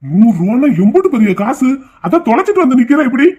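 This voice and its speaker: A man's voice: extremely high pitch, sing-song, fast talker, highs cut off, background noise, pitched above the performer's own voice. A man voicing a bossy, hot-tempered adult brother who scolds and threatens, in a cartoon. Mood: scolding. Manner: scolding, rude, shouting.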